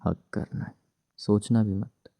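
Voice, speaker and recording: A man voicing a young husband married to his ex, gruff but tender, in a hushed, soothing, teasing whispered role-play. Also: fairly low pitch, fairly even intonation, slow pace, no room sound.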